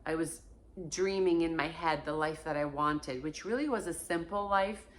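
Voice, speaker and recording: A woman's voice: low-pitched, normal speed, a little hiss or hum. A Portuguese-born woman in her fifties speaking frankly and emphatically in a candid personal monologue from her own home. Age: 50s. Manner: frank and emphatic, swears casually. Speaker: vlogger.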